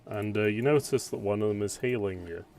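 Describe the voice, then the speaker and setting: A low-voiced man runs a tabletop role-playing game as game master. He narrates casually and conversationally, with faint music behind him. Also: fairly quick, a little mellow.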